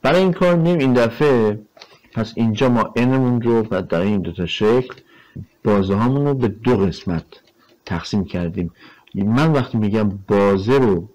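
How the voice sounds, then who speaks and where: A man gives a recorded math lecture in a fairly low voice. He talks in a relaxed, conversational way, working through the problem step by step and answering his own rhetorical questions with frequent fillers. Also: rough recording. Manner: explains step by step while drawing on a board. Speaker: math teacher.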